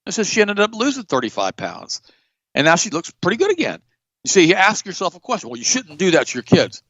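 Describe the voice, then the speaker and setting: A middle-aged man hosting a show, telling stories in a blunt, animated way and jumping up in pitch for emphasis. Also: fast, no room sound, highs cut off. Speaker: podcast host. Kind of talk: casual storytelling chat.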